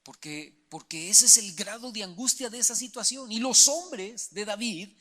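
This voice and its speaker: A man's voice: high voice, animated, moderate pace, sharp tone. A man preaching a sermon as pastor, emphatic and direct, often calling his listeners brother. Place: church.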